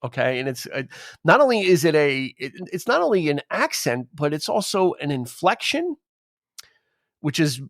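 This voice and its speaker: A man co-hosting a casual podcast, rambling and animated as he talks through a film. His voice sits a little high, and the sound is dry and close. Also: moderate pace, dry recording. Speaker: podcast co-host. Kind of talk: casual chat.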